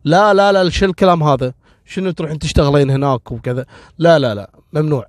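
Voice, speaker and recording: A man's voice: a little high, fast talker, no echo, studio quality, lightly acted. Guy doing a brushing-off grown son, short with his mom. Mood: curt. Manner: curt, dismissive. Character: weak-willed grown son, curt and dismissive.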